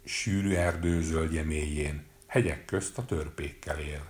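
A man's voice: very deep voice, fairly even intonation. A man voicing a solemn, all-knowing magic mirror in a storybook reading.

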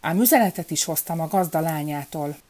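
A humble royal courier answers his master meekly and deferentially, read by a woman telling a fairy tale. The voice is low and soft-toned. It sounds like a storybook reading. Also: natural voice. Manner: deferential, pleading.

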